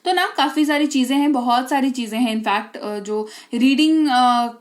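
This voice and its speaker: High-voiced woman teaching English phonics. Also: normal speed. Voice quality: repeats checks like "okay?" often. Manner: patient, step-by-step explaining. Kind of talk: explaining phonics lesson.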